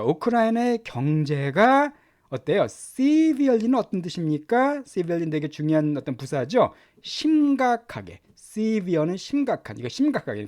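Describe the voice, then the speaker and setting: A middle-aged man gives an English lesson, his voice rising and falling in an animated way. He sits a little high in pitch and breaks sentences down, repeating words slowly to show how they are said. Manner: lively, explains pronunciation by repeating words slowly. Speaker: English teacher. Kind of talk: Korean-language English lesson.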